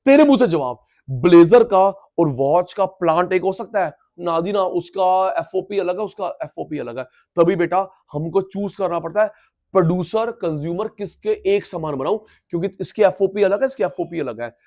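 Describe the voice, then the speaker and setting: A middle-aged man teaching economics in an energetic lecture, loudly coaxing and quizzing his students. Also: high voice, normal speed.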